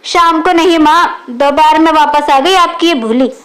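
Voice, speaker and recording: A woman's voice: sits high, unhurried, fairly bright tone. A woman reading as a young fiery daughter-in-law. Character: young married woman, hot-tempered then remorseful.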